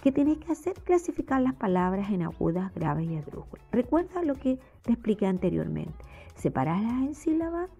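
A woman teacher with a Chilean accent giving a recorded remote lesson, explaining step by step in a slow, explanatory classroom manner. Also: mid-range voice, big pitch swings, gravelly, mellow, slightly rough, soft background music. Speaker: primary school teacher.

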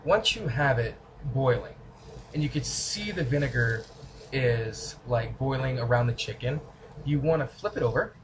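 A young man casually demonstrates his cooking in a cramped home kitchen, goofy and chatty with joking asides to the camera a few feet away. His mid-range voice has lively intonation at a normal pace. A camera mic records him over a noisy background.

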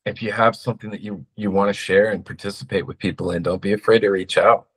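Laid-back low-voiced man on a video call. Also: fast, slightly rough. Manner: relaxed, filler-heavy. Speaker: guest. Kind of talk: casual online chat.

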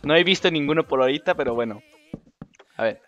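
A young man with a Mexican Spanish accent giving casual commentary over a game, excitable, swearing and talking to the other players. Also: a little high, fast talker. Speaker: gameplay commentator. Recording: dull lo-fi mic with faint game music.

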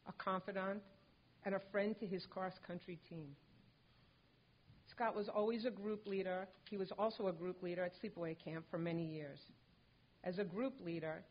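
Accepting the hall of fame honor for her late son, the older mother reads her prepared tribute speech calmly at a lectern. Fairly low in pitch, she stays measured and composed. The setting is a stage in a large indoor hall, captured dully and lo-fi by the lectern mic.

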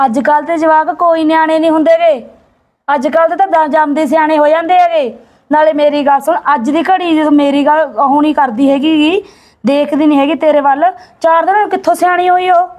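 A woman playing a blunt, fast-talking young village woman. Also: high voice, steady tone, darkish tone, close to an everyday voice. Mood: scolding. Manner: blunt, scolding and insistent. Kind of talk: homemade family drama acting.

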